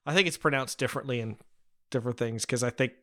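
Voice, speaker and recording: A man in a casual film review chat, walking through scenes with eager recaps. His voice has a bright, forward edge. He leans on fillers and often restarts a sentence partway through. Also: medium pitch, fast. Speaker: podcast co-host discussing a film.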